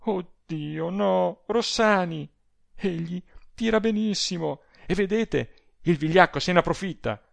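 A man's voice: mid-range voice, slow pace. A man voicing an agitated society woman who pleads and exclaims in a raised voice, in an audiobook reading. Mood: pleading. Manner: emotional, imploring, exclamatory.

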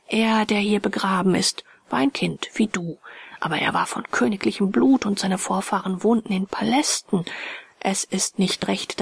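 A woman's voice: mid-range voice, creaky, breathy edge, no echo. Woman playing a stern tall man, whispered role-play. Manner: stern, dismissive.

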